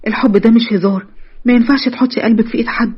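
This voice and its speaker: A woman's voice: on the high side, steady tone, breathy edge, muffled recording. A woman voicing a witty, protective young best friend who teases and bosses in an Egyptian accent. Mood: teasing. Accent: Egyptian Arabic. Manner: teasing, brisk, commanding.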